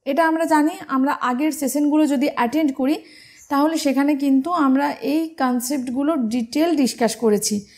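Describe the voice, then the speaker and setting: A woman's voice: high voice, moderate pace, a little mellow. A woman from teaching an exam-prep grammar lesson, patient and step by step, asking her students questions as she goes.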